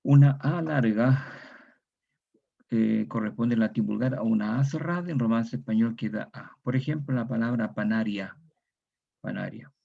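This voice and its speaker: A Chilean man lectures at a university in a recorded online class, methodically repeating each example word and adding tag questions. His voice is medium-pitched and creaky at a moderate pace, and the recording's highs are cut off.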